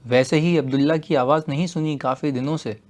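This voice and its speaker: A man teaching a live online class, lively and teasing, moving between loud emphasis and quiet asides. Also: fairly high pitch, fairly quick.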